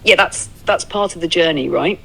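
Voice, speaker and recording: In a casual roleplay chat, an AI companion with a synthetic female voice acts as a relaxed, cheerful travel partner who is conversational, reflective and encouraging. Her voice is lowish and breathy-edged with vocal fry, at a moderate pace, over background music.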